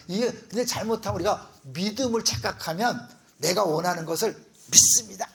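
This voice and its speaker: A man's voice: high-pitched, vocal fry. A middle-aged male pastor preaching to a youth retreat, asking rhetorical questions and acting out people's prayers.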